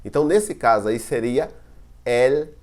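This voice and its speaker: A man's voice: medium pitch, a little slow, a little mellow. A man with a Brazilian Portuguese accent teaching a recorded grammar lesson, explaining step by step and often checking that the students follow. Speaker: Spanish teacher.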